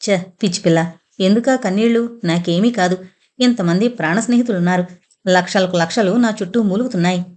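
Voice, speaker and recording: A woman voicing a calm, kind young heiress who speaks softly and soothingly in a storybook reading. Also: medium pitch, a little fast, close to an everyday voice.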